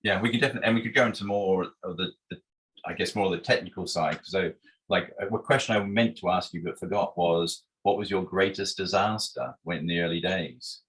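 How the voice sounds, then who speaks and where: Deep-voiced man podcast co-host. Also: a little fast, a bit bright, low-quality recording. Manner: friendly, agreeable. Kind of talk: casual podcast chat.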